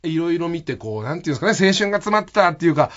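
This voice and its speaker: A man's voice: on the high side, rapid-fire. A man hosting a radio show, telling an anecdote in casual talk and acting out the quotes. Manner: animated storytelling, acting out quotes. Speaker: radio host. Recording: lo-fi radio audio.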